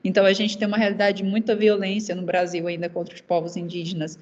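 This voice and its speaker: An earnest young woman from Maranhão, Brazil, whose first language is Zé'eng eté (Guajajara), gives personal testimony on a panel. She speaks haltingly at a steady middle pitch with very little melodic movement, often repeating fillers as she searches for words. The audio is dull and lo-fi, like a video call.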